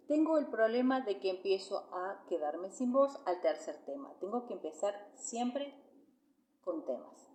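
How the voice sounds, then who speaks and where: Woman, Rioplatense Spanish accent, singing teacher, low voice, mellow tone, roomy echo. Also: slight background noise. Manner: chatty, explanatory, frequent checking "¿sí?". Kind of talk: live-streamed masterclass.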